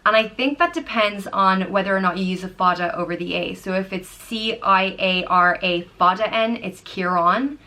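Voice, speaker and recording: A woman's voice: mid-range voice, moderate pace, hardly any pauses, bright, forceful tone. An Irish woman casually explaining how names are spelled and pronounced, spelling them out letter by letter with frequent ums. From Ireland. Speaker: vlogger teaching name pronunciation.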